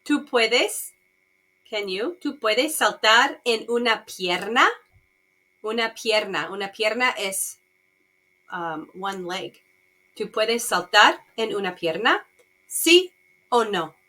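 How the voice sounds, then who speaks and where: Teaching a slow, repetitive bilingual class for Spanish beginners, a woman poses simple yes-or-no questions and translates each phrase. Her medium-pitched voice is expressive and sharp, and she speaks slowly with frequent pauses.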